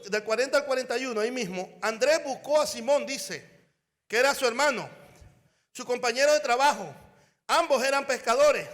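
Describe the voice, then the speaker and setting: A man preaching a fervent sermon as an evangelist at a conference, often shouting and calling out to the crowd. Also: very high voice, big-room sound. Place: conference hall.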